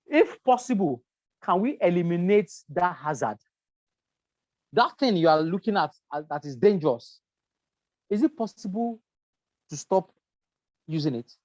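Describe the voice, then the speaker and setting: A workplace safety trainer giving a lecture with slides, stressing key points by repeating them and pausing often with um. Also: mid-range voice, sing-song, darkish tone, no echo. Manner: emphatic, repeats key points, frequent um fillers.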